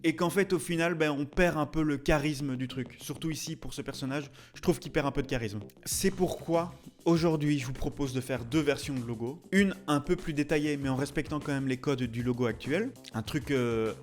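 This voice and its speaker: His voice is a little high and he keeps a moderate pace with hardly any pauses. A tattoo artist hosting a YouTube video, he jokes around casually and throws in theatrical, mock-indignant comments while music plays underneath.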